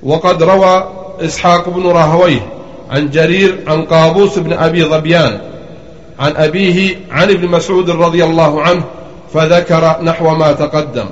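A man reading a classical text aloud to a lesson, in a measured voice with a slightly chanted lilt. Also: on the high side, fairly even intonation. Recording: lo-fi recording in an echoey room.

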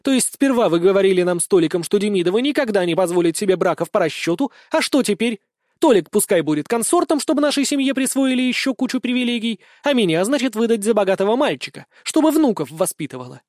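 A furious, sarcastic young noblewoman, put on by a male reader in an audiobook, her voice pitched high and sharp. She snaps back in quick, indignant outbursts. The recording is close and dry. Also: expressive, no room sound. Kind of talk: audiobook character voice.

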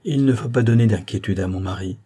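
A man reading the part of a young married woman, speaking softly but with resolve. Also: lowish voice, brisk, husky. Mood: firm.

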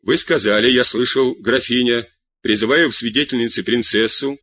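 A man's voice: medium pitch, moderate pace, sharp tone, no room sound. A man voicing a proud, jealous young count who presses his questions insistently.

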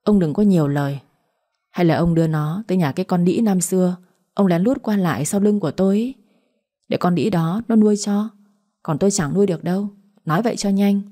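A woman voicing a harsh, spiteful middle-aged mother who taunts and curses in a shrill voice. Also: fairly quick, mellow, lightly acted.

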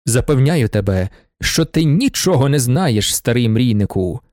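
A man's voice: mid-range voice, animated, moderate pace, darkish tone, dry recording, clean studio sound, natural voice. A man voicing a brooding middle-aged merchant who talks in a wry, curt way.

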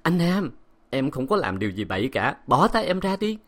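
A male reader performs a desperate young wife in a spoken storybook. Her voice rides high above his own and swings widely as she begs and pleads. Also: sing-song, normal speed. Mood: pleading. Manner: tearful pleading, raised high voice.

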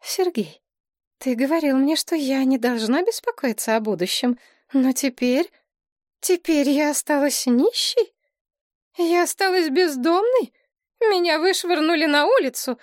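A woman voicing a hysterical middle-aged widowed mother who wails and sobs in shrill outbursts. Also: animated, a little slow, no room sound, clean studio sound. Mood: pleading. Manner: shrill, wailing, sobbing outbursts.

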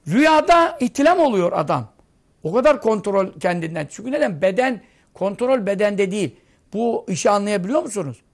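A man giving a sermon, telling vivid stories and asking rhetorical questions. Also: high-pitched. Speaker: preacher.

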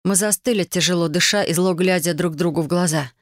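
A woman's voice: fairly low pitch, fairly quick, no echo, clean studio sound. Woman narrating a first-person audiobook.

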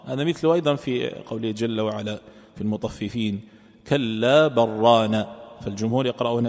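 A man giving a religious lesson on Quran exegesis, reciting verses slowly and repeating phrases to explain them. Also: mid-range voice, darkish tone. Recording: long hall reverb.

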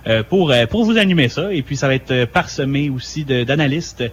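A man's voice: medium pitch, expressive, a little fast, lo-fi sound, slight background noise. A man hosting a radio show, teasing his co-host with hesitant, filler-heavy talk. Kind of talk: casual radio chat.

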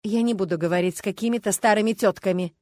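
A woman's voice: mid-range voice, fast talker, darkish tone, no echo, studio quality, lightly acted. A woman reading an audiobook, voicing a tough, scornful young woman who leads a biker gang and talks mockingly. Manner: mocking, contemptuous.

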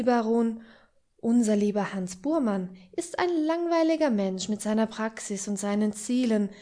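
A woman's voice: on the high side, mellow. A woman voicing a curious, flirtatious society lady in an audiobook reading, with a teasing, eager way of asking.

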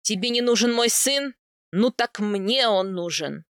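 Woman putting on a low growly steppe warrior guy, bossy and furious, audiobook, dry sound. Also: expressive, a little slow, clean tone, dry recording. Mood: menacing. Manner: growling, menacing, loud. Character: furious male steppe warrior, domineering and fierce. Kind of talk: audiobook character voice.

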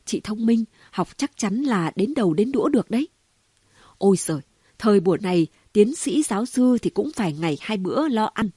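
A woman reading an audiobook voices a gossipy, sharp-tongued city woman who talks in quick exclamations and mockery. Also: medium pitch, expressive, breathy edge, no echo, studio quality. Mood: gossiping. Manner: chatty, mocking, full of exclamations.

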